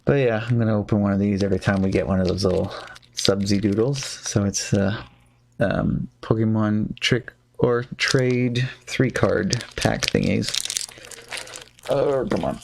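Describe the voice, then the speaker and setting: A man's voice: on the low side, moderate pace, a little hiss or hum. A man streaming a card game live, chatting casually, humming and muttering to himself as he plays. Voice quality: gravelly, relaxed, hums and mutters while playing.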